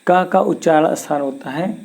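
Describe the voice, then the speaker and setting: A man teaching Hindi grammar in a slow classroom lesson, repeating sounds and asking questions back to his students. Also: on the high side, creaky, darkish tone.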